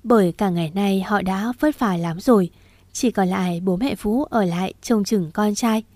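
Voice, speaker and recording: A woman narrating a story as an audiobook in an even, steady manner. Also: mid-range voice, normal speed, dry recording.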